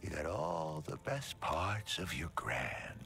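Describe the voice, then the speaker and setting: A wistful old man from a cozy video game, speaking in a very deep, gravelly near-whisper. His delivery is slow and unhurried, yet the pitch rises and dips widely. A bright edge cuts through the soft rasp. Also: very animated, faint music behind, heavily acted. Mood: gently confiding. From Hungary. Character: gentle old bearded man, wistful and warm-hearted.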